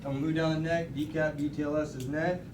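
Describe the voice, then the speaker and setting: A man's voice: on the high side, flat delivery, quick pace. A man speaking as a paramedic trainee, reciting the procedural steps of a patient-assessment drill aloud. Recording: roomy, distant mic with clear background noise.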